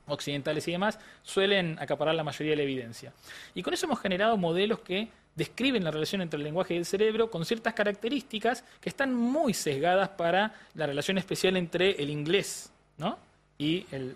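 A man with a Rioplatense Spanish accent, explaining science in a didactic interview style with frequent tag questions. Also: fairly high pitch. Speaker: neuroscientist guest.

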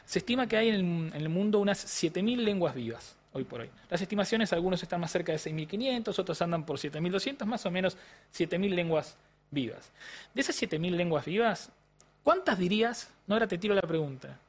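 A man's voice: high voice, lively intonation, fairly quick. A man with a Rioplatense Spanish accent, explaining science in a didactic interview style with frequent tag questions. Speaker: neuroscientist guest.

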